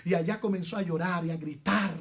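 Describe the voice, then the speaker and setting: High-voiced Dominican preacher. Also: male voice. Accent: Dominican Spanish. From Dominican Republic. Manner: emphatic preaching with repeated phrases and slowed, stressed words. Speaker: pastor. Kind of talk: sermon.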